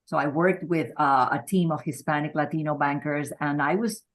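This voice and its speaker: A middle-aged woman with a notably low voice. She tells her career story candidly and with animation, as an interview guest. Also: steady tone, normal speed.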